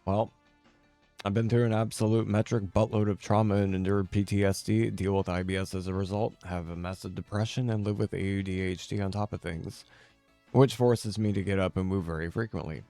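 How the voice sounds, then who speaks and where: A man chatting casually as a game streamer, answering viewers' questions in a laid-back, rambling and halting way. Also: fairly low pitch, fairly even intonation, dark tone, no echo, faint music behind.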